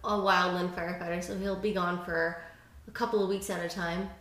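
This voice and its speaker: A woman's voice: lowish voice, little pitch movement, brisk, fairly bright tone. A woman guest chatting casually on a podcast in a bubbly, giggly way, with many fillers. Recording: roomy echoey room.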